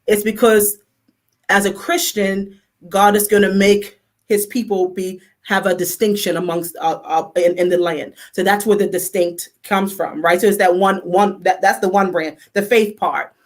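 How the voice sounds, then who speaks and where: A woman from Bermuda with a Bermudian accent, a fashion designer chatting as a guest on a talk show in an upbeat, energetic way. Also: medium pitch, moderate pace. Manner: upbeat and energetic, enthusiastic shout-outs. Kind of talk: casual talk show chat.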